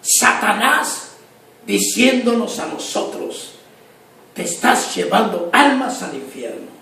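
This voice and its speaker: Male lay preacher, high gravelly voice, impassioned sermon delivery, picked up from a distance in a very echoey space. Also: a little hiss or hum. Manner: impassioned, swings between loud rising appeals and hushed asides. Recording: echoey, distant from the mic, faint ambience.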